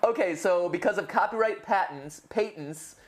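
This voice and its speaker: A man hosting a casual live-stream chat, playful and quick to tease, stumbling through restarts. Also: high-pitched, a crowd in the background. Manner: playful, stammering restarts, laughs often. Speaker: host.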